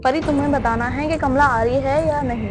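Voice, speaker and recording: High-voiced chatty woman gaming host. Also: fairly even intonation, fairly quick, noisy background. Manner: chatty, keeps asking a helper questions. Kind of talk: casual let's-play commentary.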